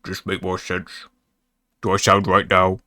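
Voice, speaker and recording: A man through a deep voice changer. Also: completely flat delivery, moderate pace, sharp tone, no echo, studio quality. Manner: testing how his voice sounds. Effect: voice changer lowering the voice. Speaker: card game streamer. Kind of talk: casual streaming chat.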